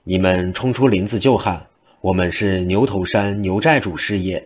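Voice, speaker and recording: A man's voice: low voice, moderate pace, slightly rough. A man doing Jigong, a sly joking old monk. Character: playful old male wandering monk, joking. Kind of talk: traditional storytelling.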